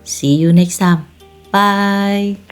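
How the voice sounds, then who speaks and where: A woman in her fifties from Thailand, a native Thai speaker with a Thai accent, telling her own story casually in halting, emphatic non-native English. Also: medium pitch, steady tone, faint music behind. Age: 50s. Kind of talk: casual personal storytelling to viewers.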